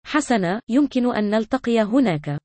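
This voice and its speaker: A woman's voice: fairly high pitch, lively intonation, normal speed, dark tone, no echo. A woman narrating a language lesson with scripted example sentences for learners.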